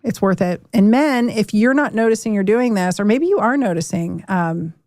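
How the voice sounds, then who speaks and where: A woman's voice: medium pitch, lively intonation, moderate pace, darkish tone, no echo. Woman host, 40s, frank and chatty health talk, mid-range voice, dead-dry room. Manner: candid, chatty, frequent restarts and mock quotes. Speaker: podcast host and doctor.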